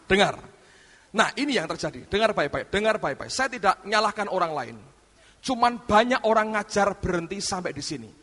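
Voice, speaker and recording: A male pastor preaches in a very high, bright voice that swoops up and down. He throws in sudden shouts and drops into hushed asides as he acts out little scenes. A long hall reverb trails every phrase. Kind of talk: sermon.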